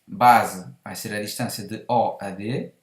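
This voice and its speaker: A man's voice: fairly low pitch, steady tone, unhurried, echoey room. A man with a European Portuguese accent explaining a math exercise step by step, methodically, and correcting himself as he goes. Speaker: math teacher. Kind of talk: whiteboard math lesson.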